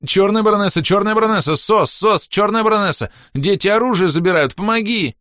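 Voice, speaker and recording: A man's voice: sits high, brisk, fairly bright tone, no room sound, studio quality, voice pushed up. A man voicing a cowardly, sneaky male shadow spy who pleads and fawns in panic, in an audiobook. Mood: pleading.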